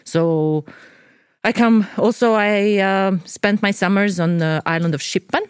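A woman's voice: medium pitch, a little slow, clear, resonant tone, no echo, studio quality. A woman from Croatia, a producer, chatting playfully and laughing easily on a podcast. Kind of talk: casual podcast chat.

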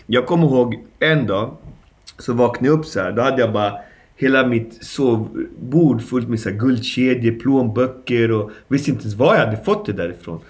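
A man's voice: medium pitch, expressive. A man in his forties from the Stockholm suburbs, recounting his past in a candid interview with slangy, vivid retelling and sound effects. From Stockholm suburbs, Sweden. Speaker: guest.

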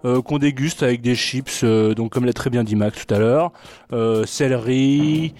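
A man's voice: mid-range voice, a little slow, a little mellow. A man co-hosting a casual radio food show, loose and chatty with frequent laughs. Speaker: co-host.

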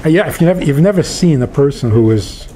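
A man, a rabbi, telling a lively story with quoted dialogue and chuckles. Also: a little high, fast talker, noisy background. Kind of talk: storytelling in conversation.

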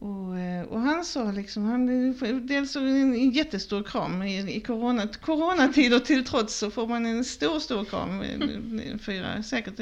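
A woman who works on a school's staff, telling lively anecdotes in a casual podcast conversation. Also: fairly high pitch, gravelly. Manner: lively storyteller, animated anecdotes. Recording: dull lo-fi sound.

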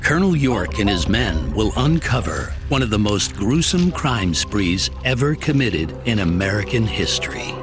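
A man with a low voice delivers dramatic documentary narration like a horror trailer. His pitch moves widely for ominous suspense, with music running underneath. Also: big pitch swings, moderate pace, few pauses. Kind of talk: dramatic scripted true-crime narration. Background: music behind the voice.

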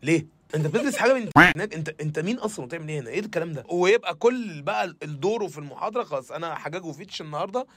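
Young egyptian guy ranting comedy style, super fast, sarcastic and sweary, slightly high voice. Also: animated, pushed and bright, breathy edge, no echo. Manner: rambling, sarcastic, slangy and profane. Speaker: comedic show host. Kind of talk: casual comic monologue.

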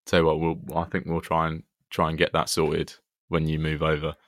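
Man, podcast host, very low voice, casual interview chat, dry studio-like sound. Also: monotone, fairly quick, dry recording.

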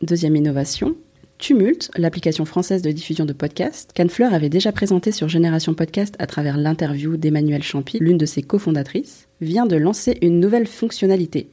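Brief: woman columnist, low mellow voice, a little husky, scripted news read with dry asides. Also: fairly quick.

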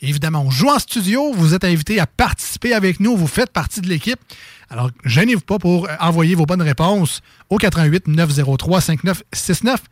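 A man's voice: sits high, lively intonation, a little fast, no echo, studio quality. A man with a Quebec French accent hosting a radio game show, playful and teasing, laughing often in casual banter.

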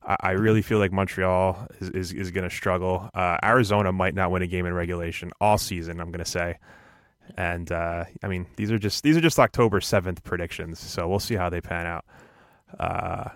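A man hosting a casual sports podcast, rambling along with deadpan jokes and stumbling over repeated words. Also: deep voice, brisk, dry recording, clean studio sound. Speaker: podcast host.

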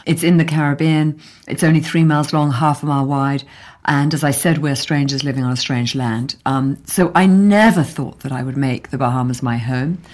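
A woman's voice: extremely low pitch, fairly even intonation, moderate pace, a little mellow. An English woman being interviewed over lunch, speaking earnestly and reflectively, often restarting her sentences. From England. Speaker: guest.

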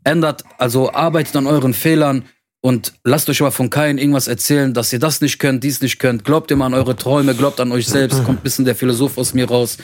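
A man's voice: medium pitch, fairly even intonation, fairly quick, no echo, clean studio sound. A man, telling his story casually in colloquial street slang. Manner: colloquial street slang, addresses listeners as brother. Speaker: podcast co-host. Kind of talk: casual chat, personal storytelling.

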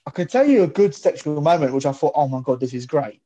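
A man chatting casually, telling rambling, halting stories. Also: a little high, lively intonation, dark tone, low-quality recording. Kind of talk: casual chat.

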